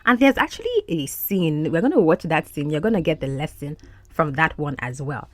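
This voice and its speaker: In a podcast lesson, a female English teacher with a low, animated voice works through English words and idioms at a slow pace, frequently asking "okay?". The audio is dry.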